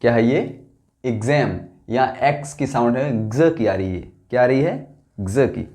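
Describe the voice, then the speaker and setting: A man teaching English pronunciation in Hindi, slowly repeating each word for learners to echo back. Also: mid-range voice, a little mellow. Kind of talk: pronunciation drill lesson.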